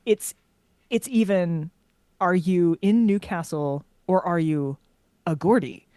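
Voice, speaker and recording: A woman's voice: lowish voice, slow pace, dark tone, dry recording, studio quality. A middle-aged American woman author answering interview questions in a rambling way, often restarting her sentences. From United States. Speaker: author guest.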